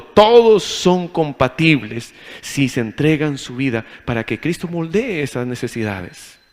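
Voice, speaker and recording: A male pastor preaching a humorous marriage sermon, telling stories and acting out both sides of arguments with animated energy. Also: a little high, long reverb tail.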